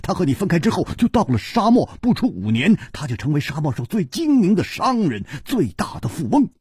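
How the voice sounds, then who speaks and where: A boisterous, quick-tempered swordsman, put on by a male storyteller, who shouts and lectures his old friend. The voice sits high and leaps all over the place, with a husky, raspy grain. It is close and dry, a storyteller's radio delivery. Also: huge pitch swings, no echo, heavily acted. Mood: teasing. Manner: loud, blustering, scolding.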